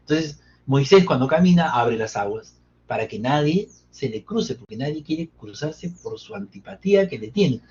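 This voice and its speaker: A man's voice: fairly high pitch, animated, normal speed, a little mellow. A man teaching a live online psychotherapy class, engaging his students by asking them question after question. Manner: engaging, keeps quizzing students. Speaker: psychotherapy lecturer. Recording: dull lo-fi sound with faint background noise.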